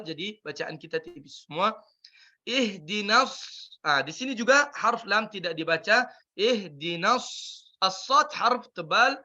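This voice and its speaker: A man teaching a Quran recitation class, drilling pronunciation by repeating sounds slowly. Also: high-pitched, sharp tone, muffled recording. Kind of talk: tajweed pronunciation lesson.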